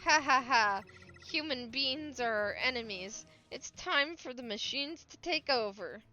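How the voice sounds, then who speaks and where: Gleeful villain robot with robotic laugh. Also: female voice, sits high, lively intonation, a little slow, bright, forceful tone, faint music behind, exaggerated voice, poor audio. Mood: menacing glee. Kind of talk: video game voice-over.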